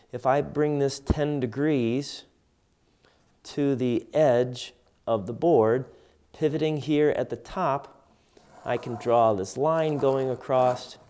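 A man's voice: medium pitch, darkish tone. A man in his forties teaching woodworking, explaining tools plainly and steadily as he demonstrates them in his workshop. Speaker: woodworking instructor. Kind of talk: tool demonstration tutorial. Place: home woodworking shop, indoors.

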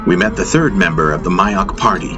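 A man narrating a fantasy audiobook in first person, steady and measured. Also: low voice, music in the background.

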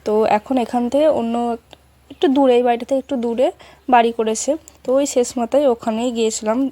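A woman's voice: on the high side, fairly even intonation, fast, mellow, dry recording. A young woman, chatting casually as a vlogger about her day, rambling from one thing to the next. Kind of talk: casual vlog narration. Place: outdoors then indoors at a home.

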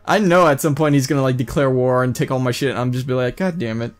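A man's voice: medium pitch, quick pace, faint music behind. A man casually commenting on his own strategy game play, laid-back, swearing a lot and laughing easily. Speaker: gameplay commentator. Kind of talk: casual gameplay chat.

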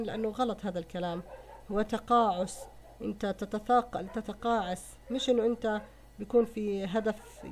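A woman's voice: mid-range voice, a little mellow. A woman teacher explaining a poem, mixing formal with everyday speech. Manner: mixes formal Arabic with colloquial explanation. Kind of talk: explaining a poem in an Arabic lesson.

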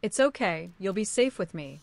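A woman's voice: mid-range voice, lively intonation, moderate pace, vocal fry, no echo. A woman narrating her own video game play as gameplay commentary. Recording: game music behind voice. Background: faint game music.

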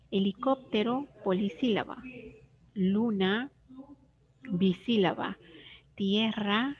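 Woman teacher, slow and deliberate, precise diction for young kids, dull lo-fi sound. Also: medium pitch. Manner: clear, careful syllable-by-syllable pronunciation. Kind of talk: slow scripted reading lesson for children.

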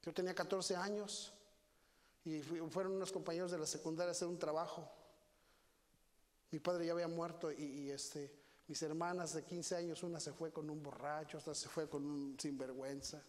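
Mexican preacher, man, folksy sermon style, high voice, long hall reverb. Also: normal speed. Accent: Mexican Spanish. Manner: animated, storytelling with folksy asides to the congregation. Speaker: guest preacher. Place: church sanctuary.

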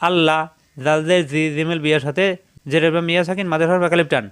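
A man teaching Quran reading, spelling each syllable slowly and then chanting the verse in a raised voice. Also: a little high, flat delivery, fairly bright tone, clean tone. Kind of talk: spelling-out recitation lesson.

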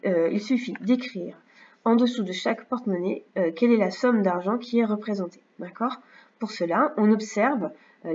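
A woman teacher giving a remote reading and maths lesson to young children, speaking slowly and clearly and often checking in with "d'accord?". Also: mid-range voice, a little mellow. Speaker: first-grade teacher. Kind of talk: remote lesson narration over slides. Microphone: computer mic. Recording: slightly dull lo-fi sound.

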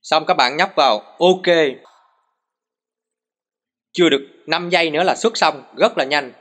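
A man talks through a screen tutorial one small step at a time. His voice sits a bit high and sounds bright and forceful. He keeps his delivery patient and peppers it with short pointing cues. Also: unhurried. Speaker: host of a phone recording tutorial channel.

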